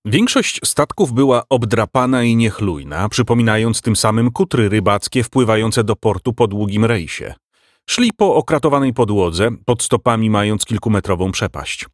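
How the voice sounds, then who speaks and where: Male audiobook narrator, low voice, lively intonation, dry close sound, expressive storytelling. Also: moderate pace, no echo. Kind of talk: scripted narration.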